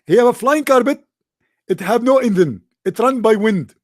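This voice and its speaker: A man's voice: very high-pitched, lively intonation, moderate pace, no echo, studio quality. A man arguing insistently in a debate clip, speaking English with broken grammar. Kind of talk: emphatic debate argument.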